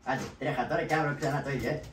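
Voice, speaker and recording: A man voicing a brash, scheming trickster who scolds and shouts orders, in a shadow puppet play, with roomy echo and distant mic. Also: mid-range voice, heavy background noise, lightly acted. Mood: bossy. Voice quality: loud, scolding.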